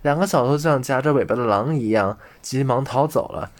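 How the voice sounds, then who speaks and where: Male audiobook narrator, mid pitch, measured fairy-tale reading. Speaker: audiobook reader.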